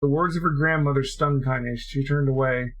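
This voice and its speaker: Man reading a story aloud, measured. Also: medium pitch, steady tone, fairly bright tone, low-quality recording. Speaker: streamer reading game story.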